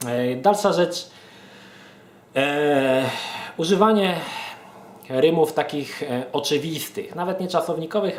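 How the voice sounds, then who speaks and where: A man's voice: a little high, reverberant. A man who raps as a hobby, giving casual tips to his viewers, with many filler sounds and restarts, often calling them dear ones. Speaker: amateur rapper and vlogger running a verse contest. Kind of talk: casual advice monologue to viewers.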